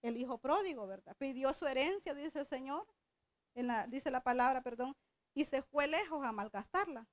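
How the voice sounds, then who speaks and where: A woman's voice: high voice, expressive, normal speed, no echo. A middle-aged woman from El Salvador preaching a sermon in a conversational way, often asking the congregation questions.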